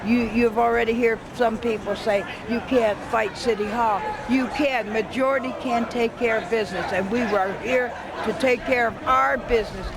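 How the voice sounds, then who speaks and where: A man's voice: very high voice, fairly even intonation, normal speed. A man at a protest giving a determined, plain-spoken street interview. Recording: noisy street with crowd.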